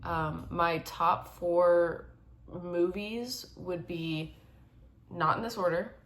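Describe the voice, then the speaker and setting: Thoughtful young woman, slightly low voice. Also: steady tone, drawn-out words, a bit bright, slight background noise. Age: 20s. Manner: thoughtful, hesitant, with many fillers. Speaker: film student. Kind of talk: casual self-introduction.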